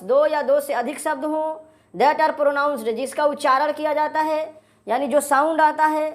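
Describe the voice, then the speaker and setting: Casting: woman teacher, high voice, slow and repetitive, keeps checking in with the class. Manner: repeats key phrases slowly, checks understanding with "right?". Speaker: English grammar teacher. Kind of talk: classroom-style lesson explaining definitions.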